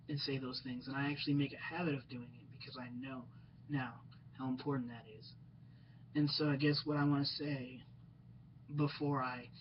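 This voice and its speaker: A young man speaking in a personal video diary, reflective and hesitant, with many pauses and ums. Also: medium pitch. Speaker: vlogger. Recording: slightly dull lo-fi sound with faint noise.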